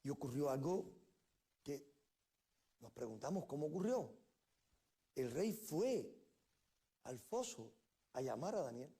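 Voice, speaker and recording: A man's voice: mid-range voice, big pitch swings, slow pace, pauses often, dark tone. A male pastor preaching a sermon, telling the story with repeated key phrases. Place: church.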